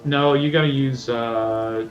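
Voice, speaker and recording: A man's voice: medium pitch, steady tone, takes it slowly, faint music behind. A man patiently explaining a video game to his friends in casual chat. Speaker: guide teaching a game. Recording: roomy, dull lo-fi mic.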